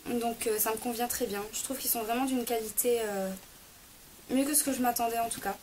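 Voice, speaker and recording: Young woman chatting about her book haul, bit high voice, lots of little ums and restarts, slight hiss on the mic. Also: steady tone, fairly quick, a little mellow, poor audio. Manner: chatty, with frequent hesitations and self-corrections. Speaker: book vlogger. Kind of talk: casual book haul vlog. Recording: faint background hiss.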